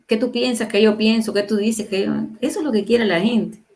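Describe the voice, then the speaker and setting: In her sixties, a woman appears as a guest on a livestream interview and talks at length in a casual, opinionated stream, driving her points home with rhetorical questions aimed at the audience. Her voice is fairly high and a little mellow, with fairly even intonation and a normal speed.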